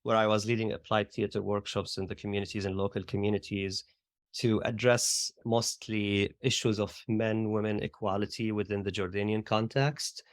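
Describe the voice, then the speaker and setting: A man's voice: fairly low pitch, flat delivery, moderate pace, no echo, studio quality. A middle-aged man from Syria with a Syrian Arabic accent, reflectively telling his story in an interview and often adding "like" and "right?". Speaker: guest, theater educator. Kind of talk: conversational interview.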